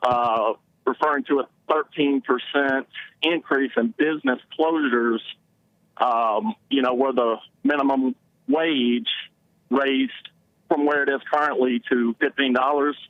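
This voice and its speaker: A man's voice: medium pitch, sing-song, measured pace, gravelly, no room sound. Alabama Southern man on a muffled call. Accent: Alabama Southern American. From Alabama, United States. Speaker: first-time caller. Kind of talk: casual political discussion.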